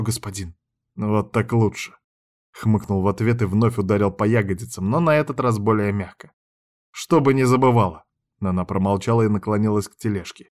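A man narrates an audiobook in the first person. His reading is steady and measured, in a medium-pitched voice.

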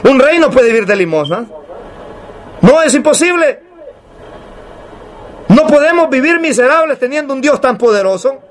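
Here a man preaches with an expressive, very high-pitched voice. His sermon is emphatic and full of repetition and rhetorical questions, and he eases his pace to read scripture.

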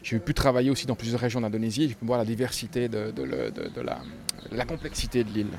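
A man's voice: mid-range voice, animated, fast talker, creaky, background noise. A man raised in Switzerland, a foundation founder being interviewed casually, talking emphatically and hammering his points home. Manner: emphatic, piling up repeated points. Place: restaurant.

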